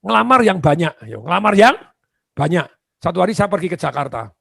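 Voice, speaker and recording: Male seminar speaker, high and gravelly, lively and repetitive, turns to the audience with questions; dry recording. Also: fairly quick, no room sound. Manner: animated, repeats key phrases, quizzes the audience; acts out dialogue in shifting voices. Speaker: motivational speaker. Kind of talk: seminar talk on job hunting.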